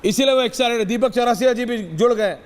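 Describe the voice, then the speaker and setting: A man's voice: very high voice, fast talker, big-room sound. A man anchoring a live TV news debate, cueing panelists and dropping English phrases into Hindi.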